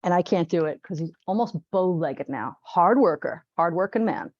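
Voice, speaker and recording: A woman teaching a live group exercise class in a lively, chatty, joking and direct way. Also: on the low side, moderate pace, dry recording, lo-fi sound. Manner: direct, plain-spoken coaching. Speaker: posture exercise instructor.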